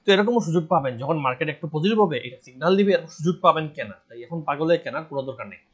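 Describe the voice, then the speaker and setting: A man's voice: fairly high pitch, lively intonation, very fast, breathy edge. A man from Bangladesh giving casual stock market commentary, earnest and insistent, repeating his advice. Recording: dull lo-fi voice recording.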